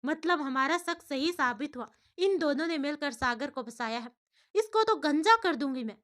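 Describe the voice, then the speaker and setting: A woman's voice: high-pitched, normal speed, fairly bright tone. A woman voicing a cheeky, playful young woman who teases her best friend in a bubbly way. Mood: lively. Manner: teasing, bubbly.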